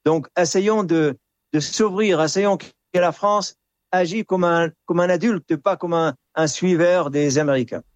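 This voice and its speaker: A man's voice: a little high, unhurried, dry recording. A man from Syria giving a hesitant, earnest testimony as a radio guest, restarting his words often. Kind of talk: phone or studio interview testimony.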